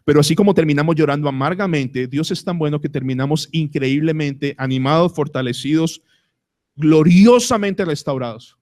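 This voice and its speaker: A man with a Colombian accent, a pastor preaching a sermon at a church service, asking the congregation questions and slowing down to stress words. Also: fairly high pitch, a little mellow. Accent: Colombian Spanish.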